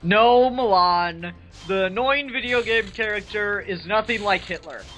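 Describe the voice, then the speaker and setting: A man's voice: sits high, normal speed, pushed and bright, soft background music. A young adult man hosting a let's play, giving casual, chatty gaming commentary.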